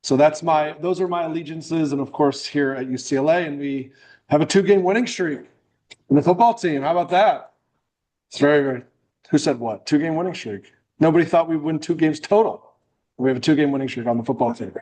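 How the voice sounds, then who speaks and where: A man's voice: a little high, brisk, a little mellow. A middle-aged man from New England giving a friendly, joking talk at a club meeting, loose and full of restarts. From New England, USA. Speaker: guest speaker. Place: meeting room.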